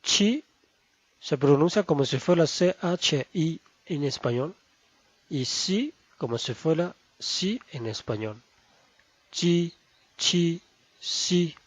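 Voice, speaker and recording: A man teaching Chinese pronunciation, saying each syllable slowly and twice over. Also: fairly high pitch, expressive, husky, no room sound. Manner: slow, deliberate, repeats each syllable twice. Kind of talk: pronunciation lesson.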